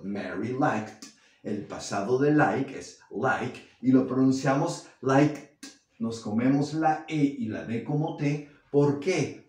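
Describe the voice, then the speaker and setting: Male teacher, patient explainer, unhurried delivery, roomy and distant sound. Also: medium pitch. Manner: slow, drawn-out model sentences in English. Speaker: English teacher. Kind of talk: explaining grammar to learners.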